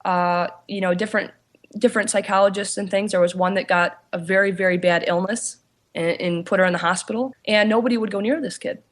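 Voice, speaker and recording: A woman who investigates the paranormal and writes books tells her story in a casual interview. Her mid-range voice holds a steady tone, though she often pauses with "you know" and restarts sentences.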